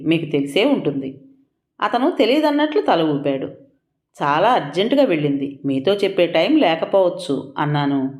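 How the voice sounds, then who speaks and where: A woman's voice: sits low, a little mellow, roomy sound. A woman narrating an audio story in the first person, telling it expressively.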